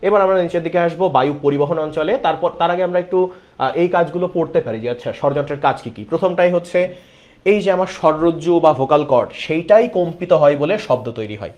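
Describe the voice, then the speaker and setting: Animated male biology teacher. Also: on the high side, fast talker, dull audio. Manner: explains step by step, keeps asking students questions. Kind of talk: online class lecture.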